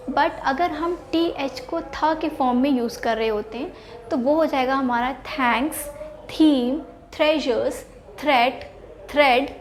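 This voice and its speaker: A woman's voice: high voice, a little hiss or hum. A woman teaching an English spelling and pronunciation lesson. She mixes English words into her Hindi, asks questions and then answers them herself, step by step.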